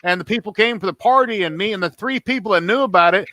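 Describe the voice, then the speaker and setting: A man's voice: high voice, quick pace, pushed and bright, dry recording. A man in his fifties hosting a livestream, telling rambling stories in casual chat. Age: 50s. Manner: rambling storyteller. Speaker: livestream host.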